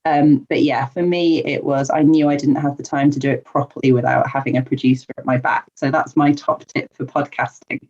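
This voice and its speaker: Speaking fast with barely any pauses, this life coach has a deep bass voice and fairly even intonation. As a podcast guest giving casual answers, she's warm and earnest, full of laughs and ums, though the remote audio is dull, lo-fi and muffled.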